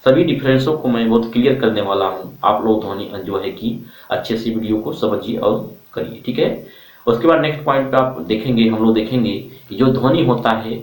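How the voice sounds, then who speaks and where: A male teacher lectures his students, posing questions and repeating each answer so they can write it down. His voice sits at an ordinary middle pitch. The sound bounces around a roomy space and comes from some distance away from the mic. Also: brisk. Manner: addresses students as dear children, repeats questions for the class to answer. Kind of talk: classroom lecture. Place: classroom with a board. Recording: roomy, from far off.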